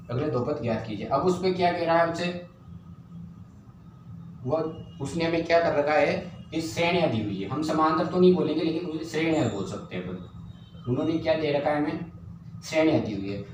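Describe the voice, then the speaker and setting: A man teaching a math lesson, repeating steps and asking and answering his own questions. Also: on the high side. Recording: very echoey room, faint ambient noise.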